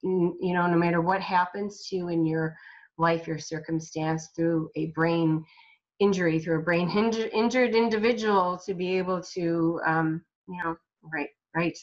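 Woman guest, author, slow halting testimony, low voice, muffled recording. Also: fairly even intonation. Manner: halting, with many restarts and fillers. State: recovering from a brain injury. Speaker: guest, self-published author. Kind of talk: personal testimony in an interview.

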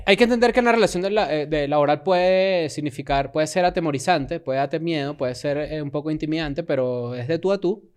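Venezuelan accent, man, slightly higher voice, slangy, storytelling, casual chat. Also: brisk, darkish tone, clean tone. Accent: Venezuelan Spanish. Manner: slangy, storytelling, restarts often.

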